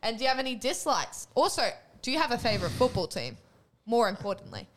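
Woman, podcast host, encouraging and upbeat, slightly high voice. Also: sing-song, quick pace, background noise. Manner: encouraging, upbeat questioning with frequent laughs. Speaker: podcast host interviewing guests. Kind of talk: casual podcast interview.

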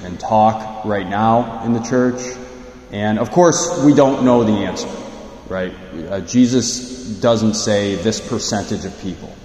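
Priest with long cathedral echo. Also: male voice, lowish voice, a little mellow. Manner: slow and measured, with loose fillers when preaching. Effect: echoing church reverb. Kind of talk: Gospel reading and homily at Mass. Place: large church. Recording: roomy hall with long reverb.

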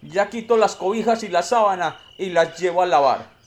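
Dutiful storybook mama bear, played by a man: high, meek, obliging. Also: normal speed, a little hiss or hum.

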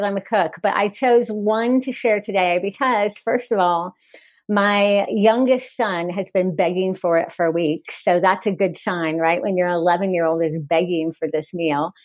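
A woman's voice: medium pitch, a little slow, no echo. Frank, wry woman guest, dry mic. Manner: frank, wry humor, laughs easily. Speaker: guest author. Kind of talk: candid podcast interview.

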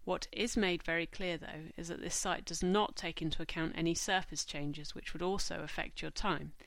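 With a fairly low yet fairly bright voice that's a touch creaky, this woman hosts a scripted podcast while a little congested from a cold. The recording is dry, close-miked, and free of echo, and she keeps a steady, measured, informative tone, slowing considerably for lists.

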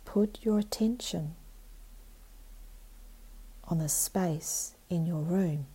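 A woman guiding a meditation in a calm, meditative tone, with a soft, breathy voice and long pauses. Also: fairly low pitch. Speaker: meditation guide. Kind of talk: guided meditation narration.

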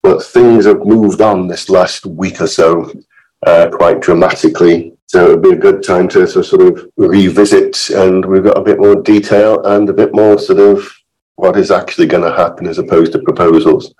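A man with a very low, croaky voice, sounding hoarse from illness. He explains things informally as a guest expert on a podcast. His delivery is chatty, with wry asides. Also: fairly even intonation, moderate pace, a little mellow, rough recording.

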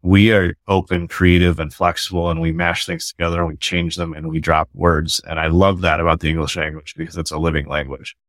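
This American guest author and company founder talks earnestly about his ideas in a casual podcast conversation, regularly restarting sentences. His low, fairly bright voice stays level and moves fairly quickly with few pauses. The recording is dry, with clean studio sound.

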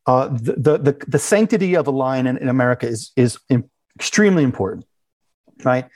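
A man as an interview guest, talking in a halting, conversational way with many restarts and fillers. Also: mid-range voice, expressive, a little mellow, no echo. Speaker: interview guest, business owner.

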